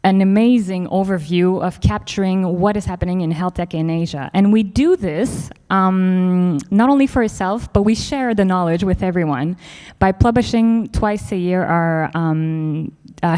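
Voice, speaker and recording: A woman's voice: on the low side, normal speed, hardly any pauses, a little mellow. Woman moderating a panel in a hall. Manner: chatty, many fillers, laughs easily. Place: event hall. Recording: long reverb of an event hall.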